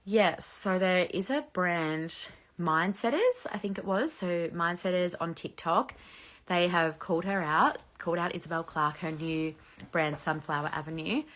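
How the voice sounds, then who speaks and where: A woman in her thirties with a low voice, hosting a casual live chat and reading out viewer questions. She rambles in a friendly way, filling her sentences with "like", and now and then lets out a small laugh. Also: measured pace, a bit bright. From Australia. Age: 30s. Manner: chatty, frequent "like" fillers, laughs lightly. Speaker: host answering viewer questions.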